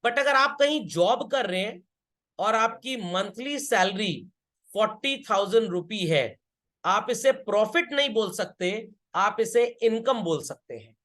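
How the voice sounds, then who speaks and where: A man's voice: sits high, expressive, a little slow, fairly bright tone. Male accountancy teacher checking understanding. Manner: keeps asking students whether they understood; repeats key points. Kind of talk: classroom lecture.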